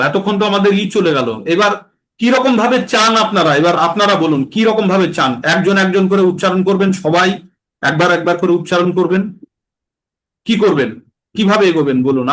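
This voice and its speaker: A man teaching how to recite Sanskrit verses in a class, explaining patiently and slowing to chant lines syllable by syllable. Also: high voice, a bit bright, low-quality recording. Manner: patient, explanatory, checks understanding.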